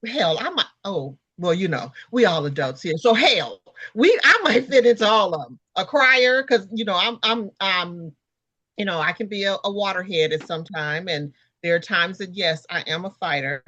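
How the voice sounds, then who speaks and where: A woman co-hosting a podcast in casual chat, pausing often with fillers and restarts. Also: medium pitch, expressive, bright, forceful tone, no room sound, lo-fi sound. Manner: halting, many restarts and fillers. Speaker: podcast co-host.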